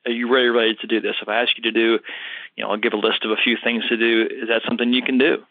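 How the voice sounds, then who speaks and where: The speaker is a health practitioner hosting a health show, answering a caller casually and thoughtfully with many fillers. He talks very fast at a medium pitch with little pitch movement, and the dry recording has a narrow, phone-like sound.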